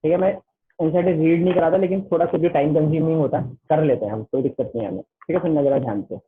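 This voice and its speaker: A man teaching an online class with a Hindi accent, chatty and repetitive, reading the textbook aloud slowly in English. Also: on the high side. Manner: chatty, keeps saying "listen carefully", reads the textbook slowly in English. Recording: tinny phone-like online class audio.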